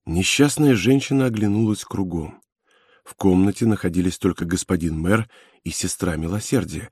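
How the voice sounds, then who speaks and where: A man narrating a classic novel in a measured, grave storytelling manner. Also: low voice, a little mellow, breathy edge, no echo, studio quality. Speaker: audiobook narrator. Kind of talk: dramatic literary narration.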